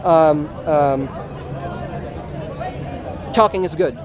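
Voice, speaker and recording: Male debate participant, slightly high voice, informal, halting and reflective delivery. Recorded outdoors with clear crowd chatter. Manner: halting, searching for words, repeats phrases. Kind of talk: informal philosophical discussion. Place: outdoors in a busy public park.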